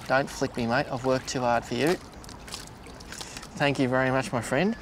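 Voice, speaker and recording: A man with an Australian accent hosting a fishing show from a boat outdoors, excitable and chatty, laughing often. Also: medium pitch, normal speed, noisy background. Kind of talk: casual outdoor fishing commentary.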